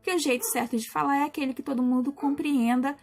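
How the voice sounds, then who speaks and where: A Brazilian woman teacher explaining a lesson to primary school pupils in a patient way, often pausing and restarting. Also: high voice, steady tone, vocal fry, a little mellow, soft background music. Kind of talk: recorded class explanation.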